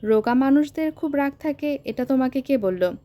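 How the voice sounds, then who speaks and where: A woman voicing a curious young schoolteacher who asks gently prying questions in an audio story. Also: sits high, expressive, moderate pace.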